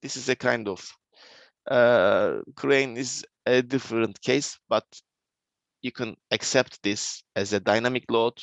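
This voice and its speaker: Male university lecturer, Turkish accent, mid-pitched, unhurried and halting, restates key terms for students. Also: no room sound. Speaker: civil engineering lecturer.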